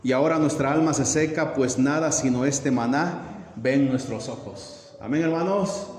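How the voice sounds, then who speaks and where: A man's voice: medium pitch, moderate pace, darkish tone. A man preaching a sermon to his congregation, often asking them questions and acting out dialogues. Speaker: pastor. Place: church hall. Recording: echoey church hall, faint hiss.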